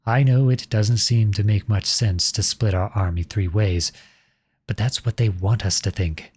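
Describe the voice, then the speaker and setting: With a husky, slightly mellow voice, a man plays an outlawed young prince who serves as a lowly soldier in a roleplay audio drama. Serious and strategic in mood, he speaks in a formal, measured, courteous and earnest manner.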